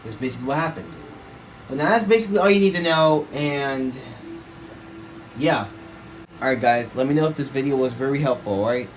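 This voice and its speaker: A man's voice: medium pitch, fairly quick, long pauses, a little hiss or hum. A young man at home in his room, casually walking viewers through settings step by step, rambling with lots of asides. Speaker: video creator. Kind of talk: casual tutorial walkthrough.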